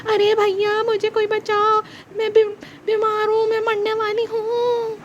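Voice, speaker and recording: A shrill, whiny little girl doll, as a woman puts her on, wailing and pleading in an overdramatic children's puppet show. Her voice sits very high and strains upward. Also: monotone, a little slow, dull audio, noisy background. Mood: panicky.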